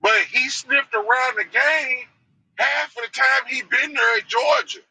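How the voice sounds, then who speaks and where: A man, an excitable sports talk guest who shouts to stress his points. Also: very high-pitched, measured pace, creaky, slightly rough, poor audio. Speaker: show guest.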